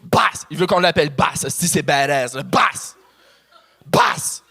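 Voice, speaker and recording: A man's voice: on the high side, a little fast, bright, forceful tone, faint music behind. A man from New Brunswick doing a brash, swear-filled, self-mocking stand-up set on a comedy club stage.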